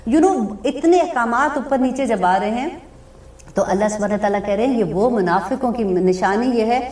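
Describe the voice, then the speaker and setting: A woman giving a religious lecture, explaining scripture verse by verse and translating each phrase slowly, with everyday examples. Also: on the high side, a little mellow, roomy sound, far from the mic. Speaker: Islamic speaker. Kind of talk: religious lecture with Quran commentary.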